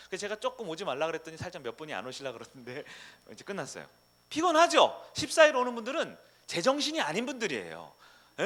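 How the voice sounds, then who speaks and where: A man's voice: high voice, a bit bright. A man preaching a sermon as pastor at a prayer meeting, asking the congregation questions and answering them himself.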